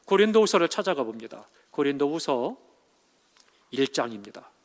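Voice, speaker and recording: Middle-aged pastor man preaching, voice jumps all over loud then hushed, long church echo. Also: fairly high pitch, big pitch swings, moderate pace. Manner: emotive preaching that swings from loud emphasis to soft hushed asides. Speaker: senior pastor. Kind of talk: sermon. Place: church sanctuary. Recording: church hall with long reverb.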